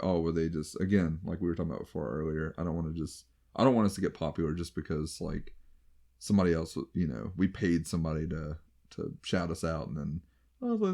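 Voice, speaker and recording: A man's voice: deep voice, darkish tone. A man with a light Southern US accent co-hosting a casual chat show, rambling and trailing off as he restarts his sentences. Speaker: podcast co-host.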